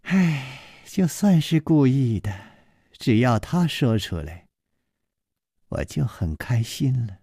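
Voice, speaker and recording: A man voicing a gentle, sickly young woman in a storytelling reading, soft and tender. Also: mid-range voice, lively intonation, slow, pauses often, breathy edge, dry recording, studio quality, voice pushed up, heavily acted.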